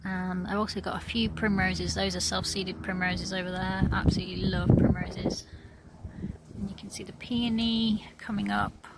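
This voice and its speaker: A woman chatting casually as she walks around her garden, relaxed and full of ums. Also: mid-range voice, normal speed, very noisy. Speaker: gardening vlogger. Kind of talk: casual garden tour narration. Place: outdoors in a garden.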